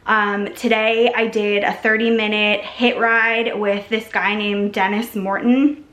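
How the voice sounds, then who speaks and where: A woman's voice: mid-range voice, flat delivery, takes it slowly, a bit bright, reverberant. A woman vlogging to a handheld camera in casual, upbeat chat, full of likes and ums, out of breath after a workout. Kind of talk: casual vlog talk to camera.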